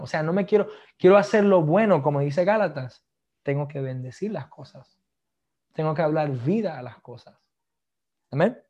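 A man's voice: a little high, darkish tone, highs cut off. A man in his thirties preaching a sermon, switching between Spanish and English and joking with his congregation. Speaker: pastor. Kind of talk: bilingual sermon.

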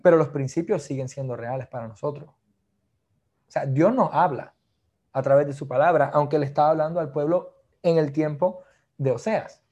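A man's voice: fairly high pitch, moderate pace, a little mellow, highs cut off. A man with a Puerto Rican accent, preaching a sermon over a video call in a chatty way, slipping between Spanish and English. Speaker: pastor.

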